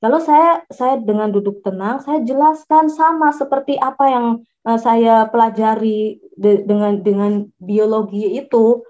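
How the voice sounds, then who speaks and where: A woman from Java telling her conversion testimony in a halting way, with many restarts and fillers. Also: fairly high pitch, darkish tone. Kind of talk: personal testimony storytelling. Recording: dull lo-fi recording.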